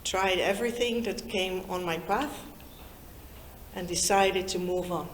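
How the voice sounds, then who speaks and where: A Dutch-born woman in her fifties talks slowly and easily, pausing often as she speaks to a room full of young people. Her voice carries a roomy echo, with a faint hum of the room behind it. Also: on the low side. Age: 50s. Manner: slow, warm and chatty, draws in her listeners. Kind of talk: informal talk to young people. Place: meeting room in Lusaka.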